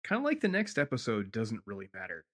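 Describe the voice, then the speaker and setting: Bright-voiced man giving wry opinions. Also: on the low side, wildly swooping pitch, fast. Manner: blunt, wry, laughing asides. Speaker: podcast co-host. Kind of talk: casual chat.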